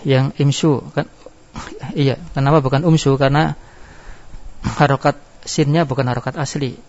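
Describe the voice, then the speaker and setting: A male teacher gives a grammar lesson step by step, asking his class questions and then answering them himself. His medium-pitched, darkish voice has fairly even intonation and a moderate pace, captured in a dull lo-fi classroom recording.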